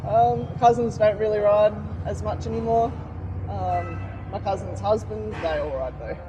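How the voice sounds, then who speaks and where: A woman in her forties with an Australian accent, chatting casually about riding, slangy and quick to laugh. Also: medium pitch, dull audio, background noise. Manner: laid-back, slangy, laughs often. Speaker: podcast guest, motorcycle rider. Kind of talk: casual chat.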